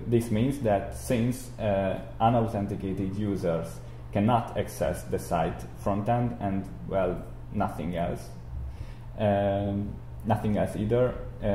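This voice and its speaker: Haltingly, a young man with a lowish voice walks through an explanatory software tutorial, repeating and rephrasing himself as he goes. It's a screencast lecture recorded indoors beside a screen recording, with roomy echo and audible background noise.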